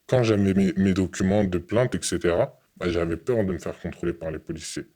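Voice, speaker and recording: A young man from France giving an earnest, halting interview testimony, often repeating his words. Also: low voice, mellow.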